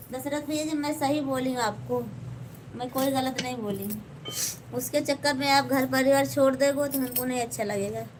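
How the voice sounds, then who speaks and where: Awadhi lady on a phone live stream in her kitchen, slow and polite, a bit high, faint hum behind. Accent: Awadhi-tinged Hindi. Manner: polite, slow and chatty, thanks viewers by name. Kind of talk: casual live-stream chat reading viewer comments. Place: home kitchen.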